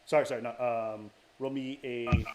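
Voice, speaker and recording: A man's voice: mid-range voice, fairly even intonation, normal speed. A man narrating a tabletop game as dungeon master, hesitant, with frequent fillers and restarts. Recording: clear background noise.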